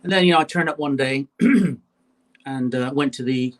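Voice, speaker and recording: A man's voice: mid-range voice, moderate pace, fairly bright tone. A man, a guest chatting on a call, leaning on "you know" and frequent "uh". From England. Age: 50s. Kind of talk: casual interview on a call.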